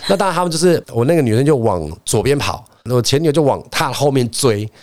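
A man's voice: mid-range voice, fast, dry recording. A man co-hosting a casual podcast chat, telling a story with acted-out quotes and frequent laughter. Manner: animated storyteller, acts out quotes, laughs often. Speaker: podcast co-host.

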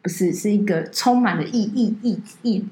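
A woman co-hosting a podcast, telling stories in a casual, animated way and mimicking people in a high voice. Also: normal speed, reverberant, rough recording. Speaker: podcast co-host. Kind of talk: casual chat.

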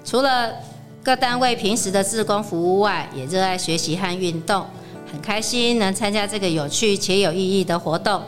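A woman's voice: medium pitch, moderate pace, soft background music. Cheerful older woman introducing herself. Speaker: volunteer, home visitor.

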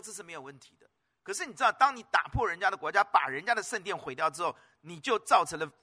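A man's voice: high-pitched, pushed and bright. A man preaching a sermon as pastor, emphatic, repeating words and asking the listeners rhetorical questions.

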